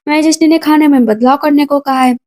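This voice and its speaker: A woman's voice: high voice, steady tone, fairly quick, darkish tone, natural voice. A woman voicing a male palace servant who delivers news matter-of-factly.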